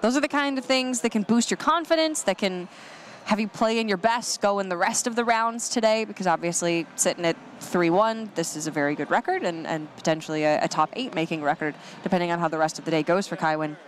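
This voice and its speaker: A male color commentator talks up the players with enthusiasm and encouragement. His voice lifts as he gets excited about bold plays. Faint background noise sits under the mic. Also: high voice, fast talker. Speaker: tournament co-commentator.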